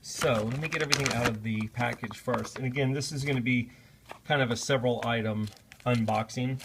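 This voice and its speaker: A product reviewer presents a casual unboxing vlog, speaking in a friendly, apologetic way with frequent "uh" fillers. His voice is medium-pitched and gravelly, set against a noisy background.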